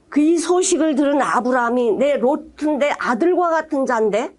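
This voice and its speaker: A woman pastor preaching a sermon in an animated, blunt way, full of rhetorical questions. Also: fairly high pitch.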